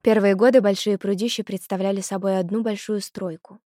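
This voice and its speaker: A woman narrating a novel as an audiobook, reading in a measured, expressive way. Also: medium pitch, dry recording, studio quality. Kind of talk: scripted narration.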